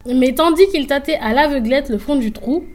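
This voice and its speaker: A woman narrating a children's story in an expressive, lively way. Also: sits high, normal speed, background noise. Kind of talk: scripted narration.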